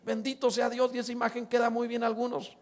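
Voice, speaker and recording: A middle-aged man preaching a sermon as pastor, lively, asking rhetorical questions and slipping in humorous asides. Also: very high voice, fast.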